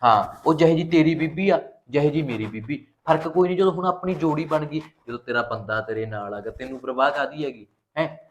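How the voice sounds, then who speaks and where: A man playing a fast-talking young husband. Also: a little high, lightly acted. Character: cheeky young village husband.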